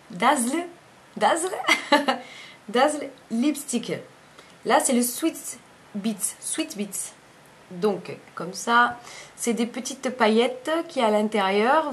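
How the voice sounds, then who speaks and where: Chatty woman. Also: mid-range voice. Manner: chatty, rambling, often corrects herself mid-sentence. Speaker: beauty vlogger. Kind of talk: casual makeup review chat.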